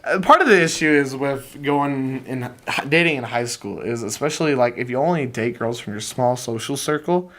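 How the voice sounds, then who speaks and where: A man's voice: normal speed, few pauses, fairly bright tone. Rambling, joking teenage boy. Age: late teens. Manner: rambling and jokey, with sudden jumps in pitch. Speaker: student podcast co-host. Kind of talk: casual chat.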